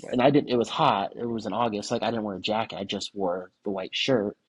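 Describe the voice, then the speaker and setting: Young male podcast co-host, husky and fairly low, loose rambling chat. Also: fairly quick, no echo, low-quality recording. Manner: relaxed and rambling, with many restarts and "like"s. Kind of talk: casual chat.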